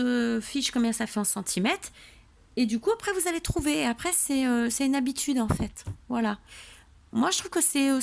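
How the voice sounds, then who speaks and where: A woman's voice: on the high side, creaky. A woman hosting a home papercraft tutorial, drowsy and tired, chatting in a rambling way with lots of fillers. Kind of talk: casual tutorial chat. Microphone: camera on a tripod.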